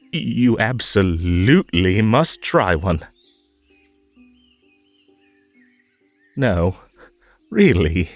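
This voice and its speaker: In a roleplay audio drama, a man voices a whimsical, lonely, possessive magical rabbit host, coaxing theatrically amid stammers and nervous giggles. His exaggerated voice sits low and sounds fussing and insistent, captured in a dry recording.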